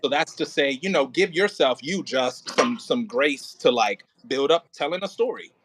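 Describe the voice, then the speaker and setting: Acting as an audio play director, a man coaches an actor casually and encouragingly, thinking aloud in halting, repetitive phrases. His medium-pitched voice is animated, and the background is noisy.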